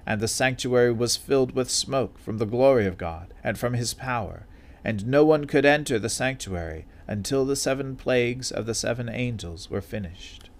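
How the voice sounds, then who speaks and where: Solemn man reading scripture. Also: medium pitch. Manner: measured, solemn, formal delivery. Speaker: scripture reader and officiant. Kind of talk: formal liturgical reading.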